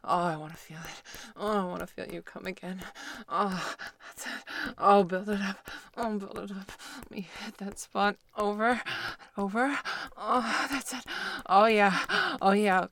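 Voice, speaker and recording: A woman voicing a dominant, teasing adult superheroine in an erotic audio roleplay, speaking in breathy whispers and moans. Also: mid-range voice, steady tone, fairly bright tone. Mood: dominant, heated. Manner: breathy whispering, moaning, slow and sultry.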